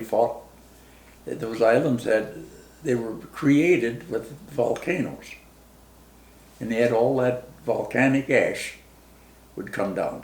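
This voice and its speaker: A very old man in his nineties, a war veteran, recalls his life in a casual interview. His gravelly, slightly mellow mid-range voice carries a rural American Midwestern accent, and he speaks haltingly in a plain, folksy way. The recording is roomy and echoing.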